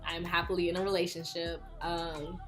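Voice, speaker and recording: A YouTuber in her early twenties from Houston, Texas chats casually and playfully through a Q&A vlog, laughing often. Her voice is on the low side, fairly bright, with flat delivery at normal speed, and soft music plays behind her.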